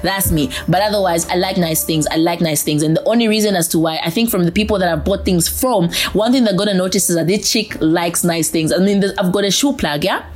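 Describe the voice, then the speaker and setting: A woman's voice: fairly low pitch, brisk, hardly any pauses, faint music behind. A young adult woman with a Zambian accent hosting a solo podcast in a casual, chatty, informal way. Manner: chatty, informal, slips between English and a local language. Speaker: podcast host.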